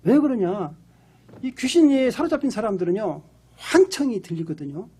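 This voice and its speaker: Korean pastor, male, sermon delivery, animated swinging pitch, husky edge, acts out voices in stories. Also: moderate pace. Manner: emphatic storytelling, acts out pleading voices.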